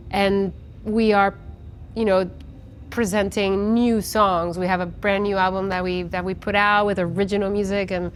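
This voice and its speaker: This Guatemalan musician in her forties answers interview questions outdoors at a festival, speaking in a chatty, casual way with lots of fillers and frequent restarts. Her voice sits at a medium pitch, with a little hiss or hum in the audio.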